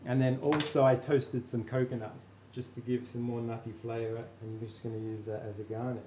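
Relaxed male chef explaining a recipe. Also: medium pitch, fairly quick, background noise. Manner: relaxed, plain step-by-step explaining.

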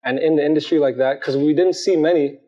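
A young man hosting a podcast, upbeat and casual, with a boom mic in a living room. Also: fairly even intonation, fast talker, dark tone, muffled recording. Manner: upbeat, casual slang, laughs often. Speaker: podcast host. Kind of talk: casual interview chat. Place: bright living room with large windows. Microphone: studio mic on a boom stand.

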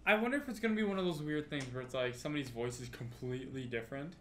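A man in a casual podcast chat, joking and asking quick questions. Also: medium pitch. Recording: roomy echo with clear background noise.

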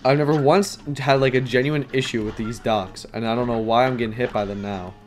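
A man's voice: mid-range voice, steady tone, brisk. A young man giving casual commentary while streaming a hard game, chatty and self-deprecating, with many fillers and sudden yelps. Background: game music.

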